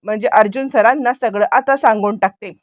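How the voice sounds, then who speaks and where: A woman's voice: fairly high pitch, brisk, dry recording, close to an everyday voice. A woman reading the lines of a worried, hesitant young wife in her serial retelling. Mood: anxious. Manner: hesitant, pleading.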